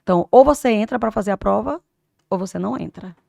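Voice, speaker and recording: Woman in her 50s, very gravelly voice, dry close sound, emotional story told with big swings in loudness. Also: medium pitch, quick pace, no echo. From Brazil. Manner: animated storytelling, swings from hushed to loud. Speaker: guest, teacher and doctor. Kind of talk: emotional personal story in an interview.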